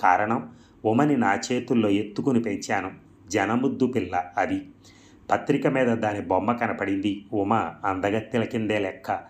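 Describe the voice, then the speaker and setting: A man reading a story aloud in a measured, reflective way. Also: lowish voice. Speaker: narrator. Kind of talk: storybook narration.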